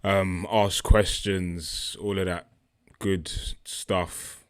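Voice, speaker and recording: A man with a notably deep voice. He is co-hosting a podcast and talks in a casual, chatty way. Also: flat delivery, drawn-out words, smooth. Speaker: podcast co-host. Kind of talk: casual chat.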